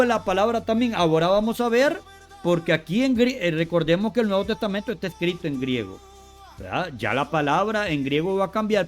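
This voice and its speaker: A man teaching from scripture, going through word meanings in long lists, often repeating words and correcting himself. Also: high voice. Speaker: Bible teacher.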